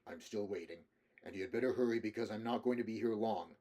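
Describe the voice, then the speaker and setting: Man reading a curt, low-voiced bounty hunter. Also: fast talker, warm tone, dull audio, close to an everyday voice. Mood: terse. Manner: terse, dismissive.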